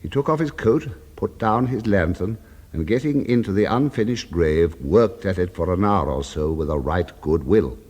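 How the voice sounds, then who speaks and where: A man's voice: low voice, animated, normal speed, darkish tone, husky. A man narrating a scripted story in a dramatic, suspenseful, theatrical way. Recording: long reverberant echo.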